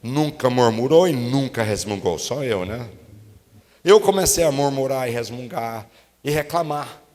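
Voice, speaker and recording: A guest pastor from the United States tells a story in his sermon, animated and acting out his own grumbling. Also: medium pitch, unhurried. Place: church meeting hall. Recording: long hall reverb.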